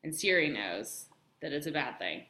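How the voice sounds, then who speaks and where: A woman's voice: low-pitched, very animated, normal speed, pushed and bright. A young woman teaching a casual math lesson, chatty and full of ums, with the hiccups. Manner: chatty, many ums, talks to herself while writing. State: has the hiccups. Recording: echoey room.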